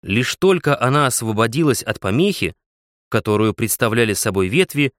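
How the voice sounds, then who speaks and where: A man's voice: medium pitch, lively intonation, moderate pace, no echo. Man reading an audiobook, dry. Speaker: narrator. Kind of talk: audiobook narration.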